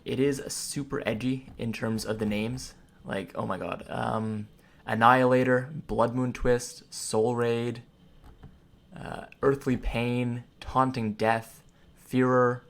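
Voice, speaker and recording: Playing at a computer indoors, a man with a medium-pitched, creaky voice narrates a guide to a character class. His commentary is casual and explanatory, wandering through ability names and tips mid-game.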